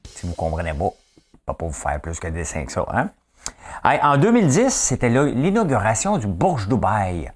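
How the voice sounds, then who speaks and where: A man's voice: lowish voice, huge pitch swings, moderate pace, husky, soft background music. Chatty Quebec French man hosting. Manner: chatty, folksy, keeps asking "hein?". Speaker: host. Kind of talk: casual news chat.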